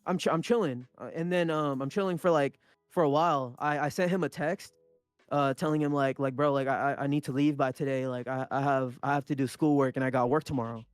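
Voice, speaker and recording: Telling a story on a casual podcast he co-hosts, a young native Punjabi speaker rambles, swears and keeps restarting. His medium-pitched voice is clear and resonant, a little fast with fairly even intonation, set against soft background music and no room sound.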